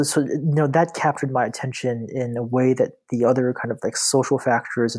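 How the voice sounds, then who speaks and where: Guy from china, law prof, kinda husky, lots of um and like and restarts. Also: medium pitch, darkish tone. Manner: thoughtful, many fillers and restarts. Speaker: guest author, law professor. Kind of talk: academic interview answers.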